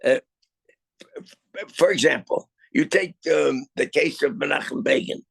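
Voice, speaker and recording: An older man telling his own story in a video-call interview, halting with many restarts and repeated words, then landing his points emphatically. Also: on the high side, creaky, a bit bright, slightly rough, dry recording. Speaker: film subject interviewed about his life.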